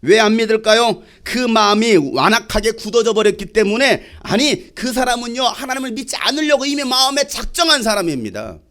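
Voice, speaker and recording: A male pastor preaching a sermon, asking rhetorical questions and swinging between loud emphasis and quiet asides. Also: extremely high pitch, animated, brisk, hardly any pauses. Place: church sanctuary.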